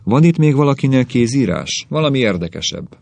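A man's voice: mid-range voice, very animated, creaky, darkish tone, pitched above the performer's own voice. A man voicing a scornful, bitter middle-aged husband who lectures and sneers, in an audiobook reading. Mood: lecturing.

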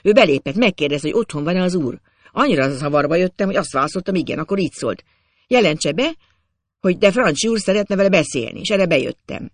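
A man's voice: lively intonation, no room sound. A man reading an audiobook, voicing a frightened young manservant who speaks in an agitated, breathless way. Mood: flustered. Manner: agitated, breathless, high and loud. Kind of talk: audiobook character voice.

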